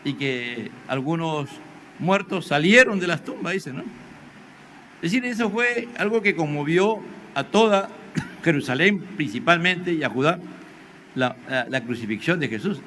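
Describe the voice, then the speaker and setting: A man's voice: on the high side, expressive, a little slow, fairly bright tone. An older man, a pastor with a Peruvian Spanish accent, preaching a sermon in a conversational way, often tagging "no?" and acting out dialogue. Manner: conversational preaching with frequent rhetorical "¿no?"; acts out biblical dialogue in raised voice. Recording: faint background noise.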